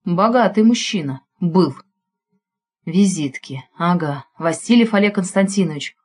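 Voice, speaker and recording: A woman's voice: lowish voice, animated, unhurried. A woman narrating an audiobook expressively, following the heroine's thoughts.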